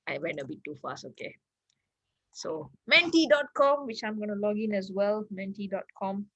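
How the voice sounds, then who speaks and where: A woman's voice: mid-range voice, expressive, normal speed, a bit bright, dull audio. A woman hosting an online workshop over a video call, chatty and laughing often. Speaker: workshop facilitator.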